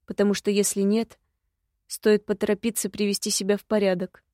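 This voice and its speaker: A stern older woman, a grandmother who takes charge in firm, decisive words, voiced by a woman narrator. Her delivery stays level, with little change in pitch. The sound is dry and close. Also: level tone, brisk, dark tone, dry recording, lightly acted.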